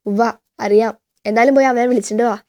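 A woman's voice: fairly high pitch, fairly even intonation, normal speed, dark tone, close to an everyday voice. A woman voicing a sly, sarcastic middle-aged male parish priest in a read-aloud story. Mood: mocking. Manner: sarcastic, needling.

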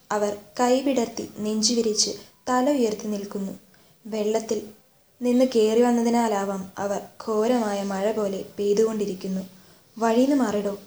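A woman's voice: fairly high pitch, warm tone. Woman reading a literary story aloud. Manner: measured, re-reads slips aloud. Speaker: story reader. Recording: echoey room.

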